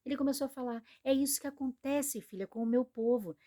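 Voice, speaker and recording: Her voice sits high and mellow, and she speaks fairly quickly. She's a young woman with a Brazilian Portuguese accent preaching earnestly in a conversational style, frequently adding tag questions to check in with those listening.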